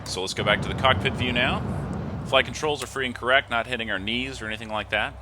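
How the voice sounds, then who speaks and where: Reading off checklist items, a man who hosts a flight simulator video series gives step-by-step instructional commentary. He talks fast in a mid-range voice against a noisy background.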